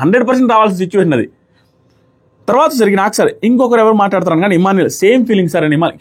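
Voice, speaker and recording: A man giving a casual, animated review of a reality show and talking straight to his viewers. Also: high voice, husky.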